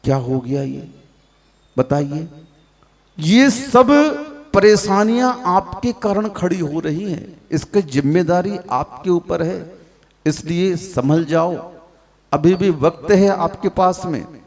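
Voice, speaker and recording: A man with a high voice delivers a slow, measured sermon, firing rhetorical questions at his listeners and scolding them. His words ring out with a long reverb, as in a big hall. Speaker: Jain monk preacher. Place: large hall at a public event.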